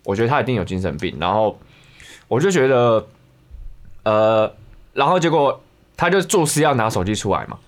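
A man's voice: fairly low pitch, big pitch swings, moderate pace, long pauses. A young man with a Taiwanese Mandarin accent telling a story in a casual podcast chat, rambling with many restarts and repeated words. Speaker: podcast co-host.

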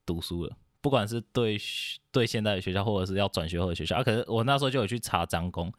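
A young man from Taiwan chatting casually on a podcast, hesitant, with many restarts and soft laughs. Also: on the low side, fast, no echo, clean studio sound. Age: young adult. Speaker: podcast guest. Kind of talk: casual chat.

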